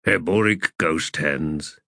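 A solemn ancient sea god, voiced by a male audiobook reader, speaks with grave, measured calm. His voice sits deep and rumbling with gravel. Every word comes slowly in a dry, close sound. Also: no room sound, heavily acted.

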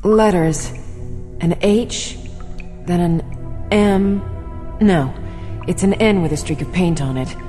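A woman's voice: on the low side, slow pace, long pauses, warm tone. An actress playing a tough, wary woman survivor in a dramatized audiobook, speaking in clipped, plain phrases. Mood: wary, puzzled. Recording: long reverb, faint music underneath.

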